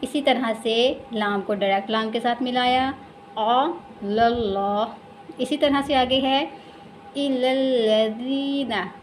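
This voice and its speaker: A woman with an Urdu accent teaching Quran recitation in a lesson, explaining patiently and repeating each word slowly and drawn out. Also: fairly high pitch, steady tone, slight background noise. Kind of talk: slow step-by-step recitation lesson.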